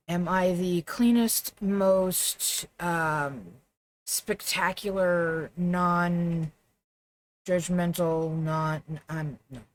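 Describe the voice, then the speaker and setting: A woman chatting casually to viewers on a live game stream, self-deprecating and full of fillers. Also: deep voice.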